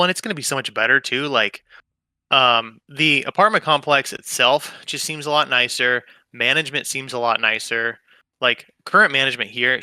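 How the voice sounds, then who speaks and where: A young man rambling through casual podcast chat, swearing freely and taking his time. His voice is very bright and sharp. It comes through smooth and crisp, recorded close and dry. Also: mid-range voice, no echo. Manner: rambling, profane, laid-back. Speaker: podcast co-host.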